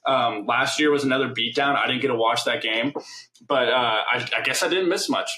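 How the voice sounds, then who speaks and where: A man in his twenties with a bright, cutting voice at a middle pitch. He talks casually like an ex-player on a sports podcast, emphatic and quick to act out quotes. The sound is roomy and echoey. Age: 20s. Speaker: former college basketball player, co-host.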